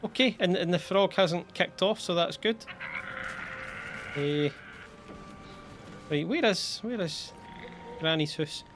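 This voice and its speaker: A man provides casual, sarcastic commentary while streaming a game live. He rambles and jokes to himself in a slightly high voice. A faint hiss of noise runs underneath. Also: slow, pauses often, fairly bright tone. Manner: jokey, sarcastic, talks to himself.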